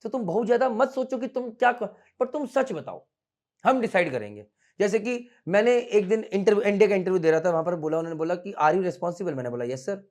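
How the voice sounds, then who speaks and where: This merchant navy coaching instructor, in his thirties, has a high, expressive voice. He moves freely between Hindi and English while teaching a classroom, his students standing behind, and his speech alternates between fast and slow, loud and soft as he playfully scolds.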